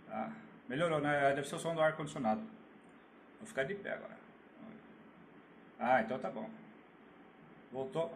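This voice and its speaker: A man hosting a casual live stream from his phone, greeting viewers and checking the sound. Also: mid-range voice. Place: room with air conditioning. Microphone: phone camera. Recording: roomy phone recording with faint room noise. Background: air conditioner hum.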